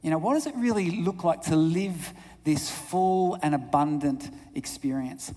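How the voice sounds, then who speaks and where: A man's voice: on the high side, measured pace. Chatty guy giving a church talk, asks the crowd stuff, big echoey church sound. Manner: lively, chatty, engages the audience. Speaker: guest speaker.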